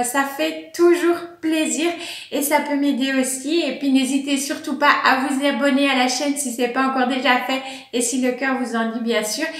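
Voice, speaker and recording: A woman's voice: high-pitched, a bit bright. A woman chatting casually to camera at home, a plant vlogger who fills her talk with little hesitations and laughs. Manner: chatty, many fillers and laughs. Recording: echoey room.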